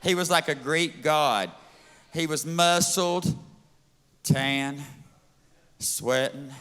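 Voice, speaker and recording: Southern-accented male comic, brassy bright tone, smooth voice, bawdy live club delivery, echoey bar room. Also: a little high, drawn-out words. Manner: brash, bawdy, drawling. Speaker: stand-up comedian. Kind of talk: live stand-up set. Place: bar stage at a live event.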